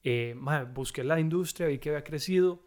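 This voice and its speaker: A Costa Rican man in his thirties, telling stories as a guest in a relaxed chat, saying "mae" often. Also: on the high side, brisk. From Costa Rica. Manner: relaxed, says "mae" constantly, storytelling. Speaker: guest, tequila brand founder. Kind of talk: casual podcast chat.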